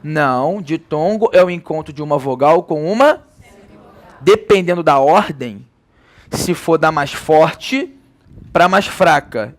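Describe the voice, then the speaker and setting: A Brazilian man teaching a Portuguese grammar lesson, lively, asking rhetorical questions and answering them himself. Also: on the high side. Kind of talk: recorded classroom lecture.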